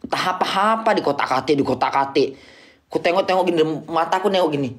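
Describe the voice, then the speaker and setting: A woman's voice: sits low, fast. A middle-aged woman from Indonesia telling a travel story on a live stream, exclaiming often and acting out sounds and quoted exchanges.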